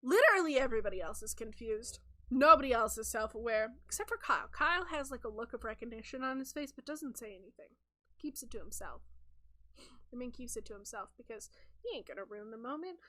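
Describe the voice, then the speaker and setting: Bright high-voiced woman improvising a story. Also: lively intonation, a little fast. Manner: rambling, filler-heavy. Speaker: storyteller host.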